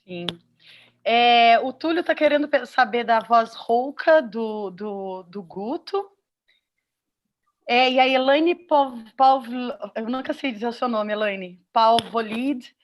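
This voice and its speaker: Female moderator, Brazilian accent, slightly high voice, informal live panel delivery. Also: slow pace. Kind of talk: informal live moderation, reading audience questions.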